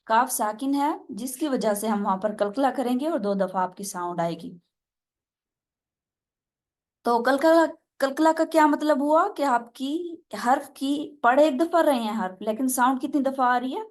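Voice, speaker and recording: A woman runs an online tajweed class over a video call, walking her students through each rule step by step. Her voice sits fairly high, and she keeps asking questions to check that they follow. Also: lively intonation, a little mellow. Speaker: tajweed teacher.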